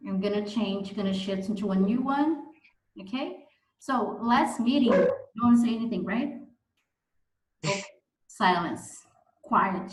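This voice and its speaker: A woman's voice: medium pitch, roomy sound, poor audio. A woman hosting a casual online meeting. She steers the talk along and teases the group. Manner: teasing, directs the conversation. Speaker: meeting host. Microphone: video call.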